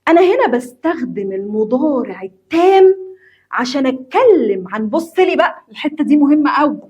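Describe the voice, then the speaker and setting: A woman's voice: high-pitched, very animated, fairly quick, a little mellow, lo-fi sound. A woman with an Egyptian Arabic accent explaining an English grammar lesson to students. She talks straight to them, repeats key points with emphasis and mixes English terms into her explanation. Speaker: English teacher.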